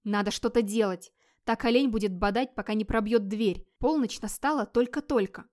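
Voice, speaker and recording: A woman's voice: a little high, moderate pace, darkish tone, natural voice. A woman reading the lines of an irritable, bold young male hunter in an audiobook, in a snapping, exasperated manner. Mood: irritated.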